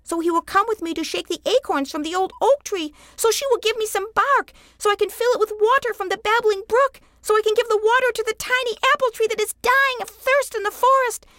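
A woman's voice: extremely high pitch, fairly quick, hardly any pauses, fairly bright tone, no echo. A woman voicing a little boy who asks politely and pleads earnestly, in a storybook reading.

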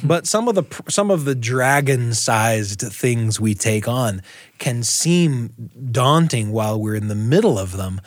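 A man's voice: mid-range voice, expressive, unhurried, no room sound, clean studio sound. An American man speaking as a radio host in a conversational, appreciative and encouraging manner. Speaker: radio show and podcast host. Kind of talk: conversational interview and warm sign-off to listeners.

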